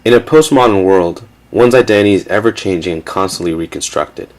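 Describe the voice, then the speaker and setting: A man giving a measured, factual scripted narration for a documentary. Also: sits low.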